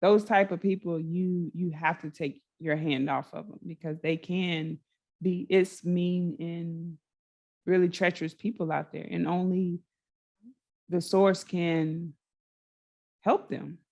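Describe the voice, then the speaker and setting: A woman's voice: lowish voice, slow pace, highs cut off. A woman co-hosting a casual podcast, telling stories and acting out what people said. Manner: animated storyteller acting out quotes. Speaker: podcast co-host.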